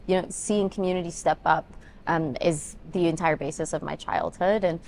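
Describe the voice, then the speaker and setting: Young woman running for congress, low gravelly voice, earnest, lots of ums, bit of hiss behind. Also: fairly even intonation, moderate pace, a little mellow. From Ethiopia, raised in Denver. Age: 20s. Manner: earnest, talks in long run-on points with many ums. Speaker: congressional candidate. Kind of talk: political interview answers.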